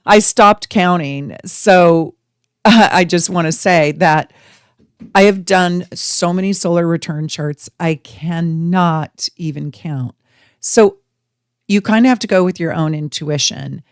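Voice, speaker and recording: A woman astrology host teaching her viewers, talking them through ideas with drawn-out emphasis and rhetorical questions. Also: lowish voice, clean tone, no echo, studio quality.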